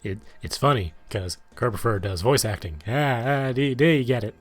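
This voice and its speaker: A man's voice: mid-range voice, lively intonation, moderate pace, faint music behind, natural voice. An actor playing a playful young man gamer in a game who jokes and teases his friends. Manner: jokey, teasing.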